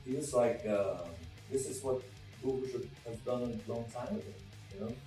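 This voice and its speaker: Relaxed male guest from Chile, very echoey. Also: mid-range voice, moderate pace. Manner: relaxed, thinking aloud with hedges. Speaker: band member guest. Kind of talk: casual interview chat. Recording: very echoey distant mic with faint music.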